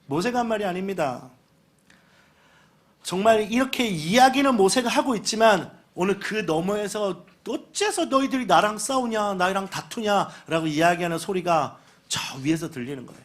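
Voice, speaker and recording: A fairly high-pitched man preaches with animated energy. He drops to quiet asides and then rises to loud exclamations, acting out the people he quotes. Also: moderate pace. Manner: animated preaching, dramatic shifts in volume, acts out quoted voices. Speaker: pastor. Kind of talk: sermon.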